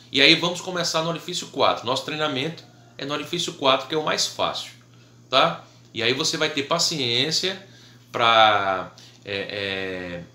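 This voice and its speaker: A man's voice: on the high side, bright, forceful tone, reverberant. A man with a Brazilian Portuguese accent teaching a harmonica lesson in a patient, casual way, often checking in with his students.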